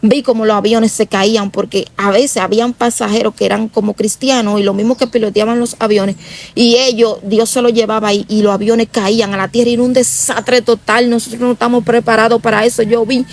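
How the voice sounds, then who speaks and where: A woman's voice: fairly high pitch, level tone, brisk. A woman giving an emotional religious testimony, telling her story earnestly and repeating herself often.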